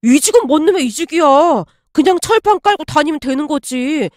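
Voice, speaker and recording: A woman voicing a blunt, easygoing young office coworker who talks fast. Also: high-pitched, expressive, a little mellow, no echo, studio quality. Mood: blunt excited.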